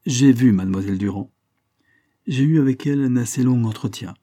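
A man reading aloud, voicing an earnest, dutiful male police inspector in a formal, measured way. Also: mid-range voice, dark tone, no room sound, natural voice.

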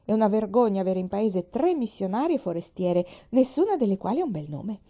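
A woman's voice: medium pitch, expressive, fairly quick, warm tone, pitched above the performer's own voice. A woman reading the lines of a prim, pious aunt who speaks earnestly and sanctimoniously. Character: pious prim aunt fussing over names.

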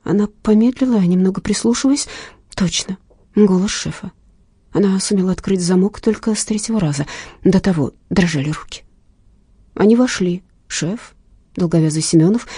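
A woman narrating an audiobook in a measured, tense storytelling manner. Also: mid-range voice, mellow, husky, no room sound, studio quality.

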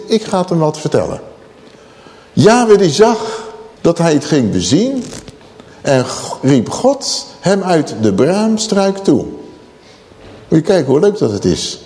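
A man preaches a Bible-teaching sermon, posing rhetorical questions and drawing out key words for emphasis, with the long reverb of a large hall. His voice is on the high side and dark in tone, with big pitch swings and an unhurried pace.

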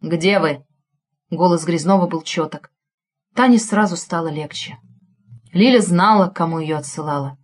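A woman's voice: on the low side, normal speed. A woman narrating an audiobook expressively, following the heroine's thoughts.

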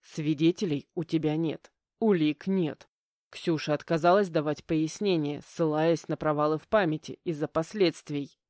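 A man's voice: on the high side, fairly even intonation, normal speed, darkish tone, no echo, studio quality, natural voice. A woman voicing a stern middle-aged stepfather who lectures curtly. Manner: curt, lecturing.

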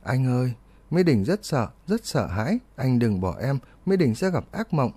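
A man's voice: mid-range voice, big pitch swings, normal speed, warm tone, slightly rough. Clingy young woman, as a man puts her on. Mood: pleading. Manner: sweet pleading tone. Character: young woman, clingy, coaxing, playfully whiny.

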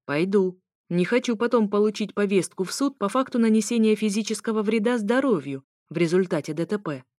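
A woman's voice: mid-range voice, a little fast, a little mellow, no echo, studio quality, natural voice. Woman reading a smug, mocking ex-husband. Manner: stern, sarcastic.

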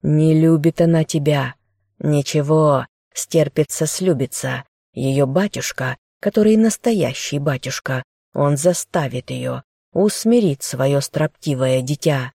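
A woman's voice: low-pitched, slow, mellow, dry recording, studio quality, full character voice. A woman voicing a smug, scheming young man who coaxes and taunts the girl he captured. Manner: smirking, coaxing.

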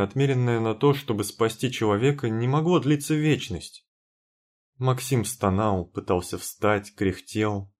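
A man's voice: on the low side, a little mellow. A man reading a dramatic first-person story aloud as an audiobook narrator. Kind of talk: scripted narration.

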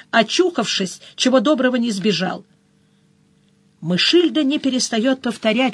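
A woman narrating a first-person audiobook in a brisk storytelling manner, with short dips into other characters' voices. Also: a little high, no echo.

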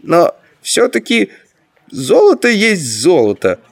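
A man reading an aging high magistrate in an audiobook, his voice raised high above his own. He speaks slowly and with lively exclaiming force. He is a ruler torn between gold and custom. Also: vocal fry, exaggerated voice. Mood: wavering. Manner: hesitant, then astonished. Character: wavering older male high magistrate. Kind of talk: audiobook narration.

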